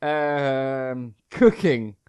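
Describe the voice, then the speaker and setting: A man's voice: mid-range voice, lively intonation, extremely slow, a little mellow, clear, resonant tone, no echo, clean studio sound. A young man co-hosting a podcast, drunk, rambling and joking with a laugh. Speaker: podcast co-host. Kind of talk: drunk casual chat.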